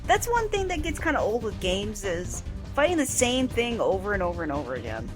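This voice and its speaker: A woman's voice: medium pitch, big pitch swings, a little fast, over music. A woman chatting as co-commentator on a game playthrough, teasing and laughing a lot.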